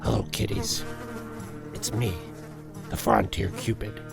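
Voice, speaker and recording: A man playing a rugged, manly cowboy Cupid who narrates a comic-book western in a gravelly, grandiose, folksy way. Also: lowish voice, flat delivery, measured pace, over music. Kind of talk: theatrical scripted narration.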